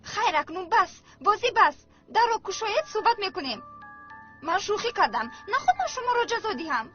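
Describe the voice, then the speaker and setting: A woman's voice: very high voice, very animated. An actress dubbing a stern, bossy woman who orders children about and pushes a plan. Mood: coaxing. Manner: bossy, commanding. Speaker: stern stepmother figure. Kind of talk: dubbed TV drama. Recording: lo-fi with music underneath.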